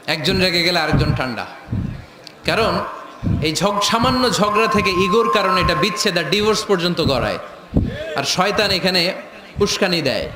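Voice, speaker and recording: A man preaching a sermon to a live gathering, animated, shouting at times and joking with the crowd. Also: high voice, noisy background. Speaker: Islamic preacher. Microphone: handheld or stand mic over a PA. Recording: echoey PA sound with crowd.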